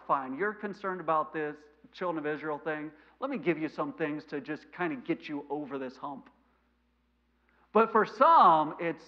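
A missionary preacher in his thirties delivers a sermon in a church sanctuary, animated and gesturing, swinging from loud emphasis to quiet asides. He has a mild stutter and a fairly high voice. The church recording is lo-fi.

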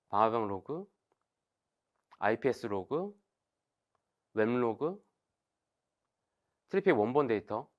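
Here a man reads a scripted technical presentation, formal and measured, taking each point in turn in an explanatory way. His voice is of average pitch yet moves up and down quite a bit.

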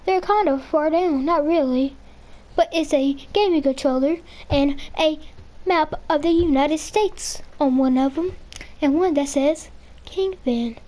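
A woman's voice: sits high, unhurried, mellow. A female gamer with a Southern US accent giving rambling, silly commentary while she plays, repeating words over and over. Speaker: gaming channel host. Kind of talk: casual gameplay commentary.

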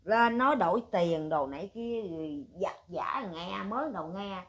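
An older woman, ranting at length in a rough, scolding way and firing rhetorical questions. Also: medium pitch, expressive, moderate pace. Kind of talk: heated casual rant.

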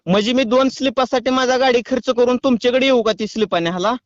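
A man on a prank phone call talks calmly and teasingly in a put-on official tone. His voice is high and smooth, and the muffled line sounds dry and close. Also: quick pace, dry recording. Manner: calm, teasing, mock-official. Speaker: prank caller.

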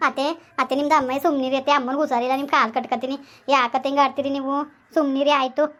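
A woman's voice: sits high, flat delivery, very fast, a bit bright. A woman playing a frightened village mother who wails and begs in a comedy skit. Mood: pleading. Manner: pleading, wailing, begging.

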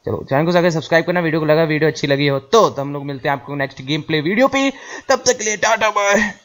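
A man giving excited live commentary over a driving game, often yelling and repeating words as the car climbs. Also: a little high, quick pace. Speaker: gaming YouTuber.

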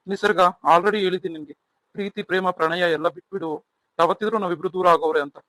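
A man's voice: high-pitched, fairly even intonation, fast talker, a bit bright, no echo. [name], a man doing a stern young husband. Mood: scolding. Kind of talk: cartoon voice acting.

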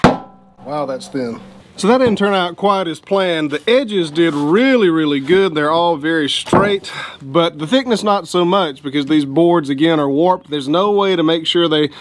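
A man in his thirties with a slightly higher voice, walking viewers through a job in a relaxed, plainspoken way. He is recorded on a close action camera in an open-sided outdoor shed. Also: unhurried, noisy background. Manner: relaxed, plainspoken, explains as he works. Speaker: homesteading vlogger. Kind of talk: casual how-to narration.

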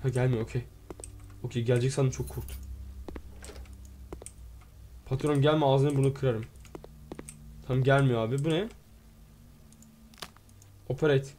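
A man hosting a gaming video, reacting excitedly, swearing playfully at the game and reading its text aloud as he plays. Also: medium pitch, unhurried, long pauses, a little hiss or hum. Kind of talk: let's play commentary.

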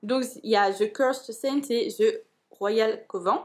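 A woman's voice: fairly high pitch, measured pace, darkish tone. A young woman chatting casually in a book vlog, full of fillers and restarts. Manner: hesitant, many fillers and restarts. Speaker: book vlogger.

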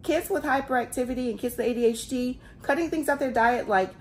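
A woman's voice: high-pitched, a little fast. Chatty woman filming her grocery haul. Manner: chatty, animated, talks straight to viewers. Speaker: family vlogger. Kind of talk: casual grocery haul vlog. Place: home kitchen, indoors. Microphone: phone camera held close.

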